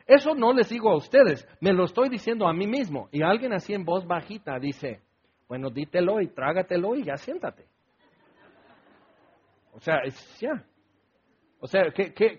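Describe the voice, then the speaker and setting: A man preaching a sermon, telling stories with bursts of loud acted quotes and a husky voice. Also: high voice, muffled recording.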